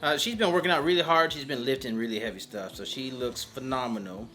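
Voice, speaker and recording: A man's voice: medium pitch, fast talker, over a noisy crowd. A man hosting a photography vlog from a studio, joking and teasing in a casual way. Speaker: photographer and channel host. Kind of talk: casual behind-the-scenes vlog chat.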